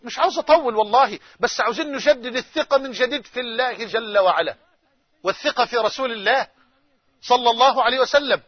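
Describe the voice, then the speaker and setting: An Egyptian-accented male preacher with a strikingly high voice delivers an impassioned, story-driven sermon. The recording is dull and dry, with no room echo at all. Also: quick pace, breathy edge. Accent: Egyptian Arabic.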